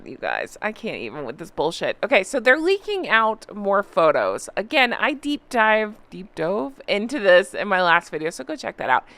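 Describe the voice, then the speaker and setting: A woman's voice: medium pitch, sharp tone, no echo. A woman hosting a gossip recap in a casual, chatty, opinionated way, with a sarcastic, mocking and exclamatory delivery. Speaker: host of a celebrity gossip recap channel.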